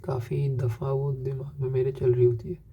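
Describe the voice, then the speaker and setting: Flat, dark-voiced young man musing. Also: medium pitch, moderate pace, breathy edge. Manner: rambling, self-searching, repeats "ठीक है" as filler. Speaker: vlogger. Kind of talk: personal confessional monologue.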